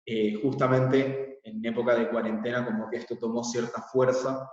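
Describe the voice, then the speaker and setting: Israeli-born guy running an online workshop, calm, lots of "eh", sounds far from the mic in a very echoey room, kinda muffled. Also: medium pitch, moderate pace. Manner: calm, explanatory, with frequent "eh" fillers. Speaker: workshop facilitator. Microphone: laptop mic on a video call. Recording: echoey, distant, dull video call audio.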